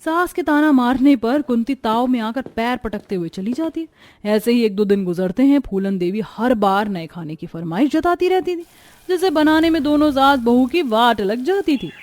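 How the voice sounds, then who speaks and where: A woman reading a scripted family story in a lively, dramatic narrating voice. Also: on the high side, moderate pace, no room sound.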